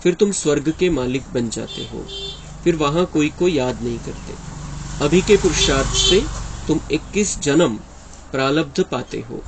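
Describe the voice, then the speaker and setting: A man's voice: fairly high pitch, animated, a little slow, noisy background. A man giving an earnest devotional discourse, explaining and often quoting his teacher. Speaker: spiritual speaker explaining a daily discourse.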